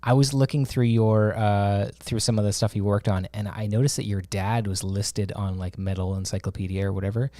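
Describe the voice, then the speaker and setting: A man's voice: on the low side, steady tone, fairly quick, hardly any pauses, warm tone, dry recording, clean studio sound. A man hosting a podcast, chatting casually in a friendly, rambling way with many fillers and some swearing. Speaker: podcast host. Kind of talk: casual interview chat.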